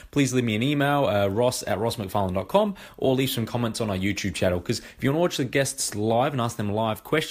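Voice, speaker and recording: A man hosting a business podcast, upbeat and chatty as he welcomes listeners and his guest. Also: mid-range voice. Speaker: podcast host. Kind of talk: casual interview chat.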